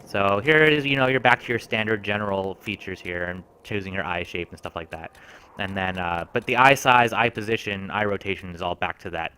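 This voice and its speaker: A man's voice: on the low side, a little fast, bright, forceful tone, a little hiss or hum. A man giving casual, enthusiastic gameplay commentary as a game reviewer. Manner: chatty and enthusiastic.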